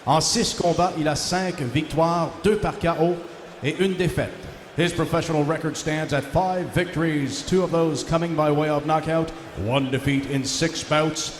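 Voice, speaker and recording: A man's voice: a little high, fairly even intonation, measured pace. A man working as a boxing ring announcer, formally introducing fighters in French and English and stretching out names. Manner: bilingual, switching between French and English. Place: large indoor boxing arena, over the PA. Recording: echoey arena sound with faint noise.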